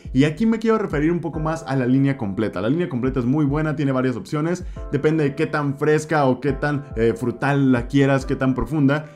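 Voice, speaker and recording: A fragrance reviewer in his twenties with a Mexican Spanish accent runs through his perfume picks in a vlog, chatty, gesturing a lot and repeating words for emphasis. His medium-pitched voice is a little fast and a little mellow, with hardly any pauses and soft background music. He sits in a room lined with perfume shelves, a desk mic in front and the camera at mid distance.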